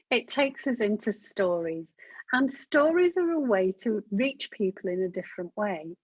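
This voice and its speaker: A woman's voice: on the high side, slightly rough, dry recording. A woman giving a business webinar in a chatty, practical way, talking straight to her audience. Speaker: webinar presenter. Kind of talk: instructional webinar talk. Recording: dull dry webinar audio.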